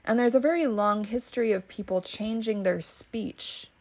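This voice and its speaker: A woman's voice: fairly high pitch, normal speed, darkish tone. A woman with a Valley Girl accent, hosting a solo podcast in a casual, emphatic way, swearing freely and saying "like" a lot. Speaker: podcast host.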